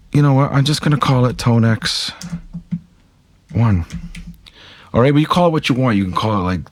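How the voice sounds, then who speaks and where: Brief: man, deep voice, dry close mic, casual gear tutorial, rambling and friendly to viewers. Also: dry recording. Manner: chatty, self-correcting, addresses viewers directly. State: talking with a pick in his mouth. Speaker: guitar gear tutorial maker. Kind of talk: casual screen-capture tutorial.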